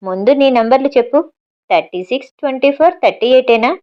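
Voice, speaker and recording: A woman's voice: high-pitched, fairly quick, highs cut off, lightly acted. A woman voicing a playful, secretive young man on the phone in her own voice.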